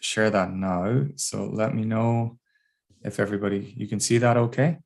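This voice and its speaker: Middle-aged man, Donegal accent from Ireland's northwest, slightly low voice, thoughtful guest speaker explaining things informally on a video call. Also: level tone, moderate pace, gravelly, darkish tone. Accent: Donegal, northwest Irish. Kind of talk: informal career talk to students.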